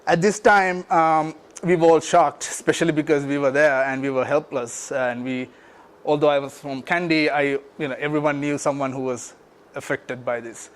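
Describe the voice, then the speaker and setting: A man in his thirties from Sri Lanka with a Sri Lankan English accent, giving a talk about his nonprofit with many pauses and restarts. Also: a little high, fairly even intonation, clean tone. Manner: halting, many fillers and restarts. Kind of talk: speech to an audience.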